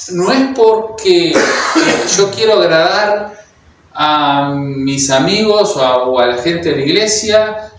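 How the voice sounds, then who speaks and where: Uruguayan guy preaching a sermon, kinda high voice, lots of ums and restarts, super echoey church room. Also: a little hiss or hum. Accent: Uruguayan Spanish. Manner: hesitant, many fillers and restarts, speaks directly to the congregation. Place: church hall. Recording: very echoey hall, heard from a distance.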